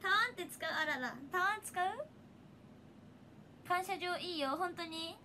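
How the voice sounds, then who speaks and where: A woman's voice: extremely high pitch, animated, unhurried, background noise. A young woman with a Hiroshima accent chatting casually on a livestream, reading viewer comments and laughing often. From Hiroshima, Japan. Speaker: idol livestreamer.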